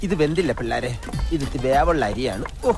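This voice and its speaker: An actor playing a bumbling, boastful young nephew who talks in a whiny, pleading, excitable way in a film comedy. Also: male voice, medium pitch, quick pace, gravelly, music in the background, natural voice. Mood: fussing. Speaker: comic nephew.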